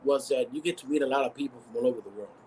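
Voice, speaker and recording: A man of medium pitch, speaking over a video call with a faint hiss behind him. He tells his stories with animation, stumbling and restarting phrases as he goes. It is relaxed, casual storytelling. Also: very fast, rough recording. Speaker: cigar company founder. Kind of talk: casual storytelling in a live interview.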